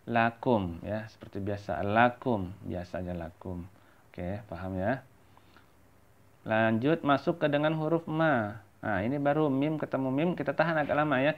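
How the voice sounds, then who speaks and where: A man teaching Quran recitation. He chants verses slowly, then explains them quickly in a softer voice. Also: medium pitch. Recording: tinny phone-like audio.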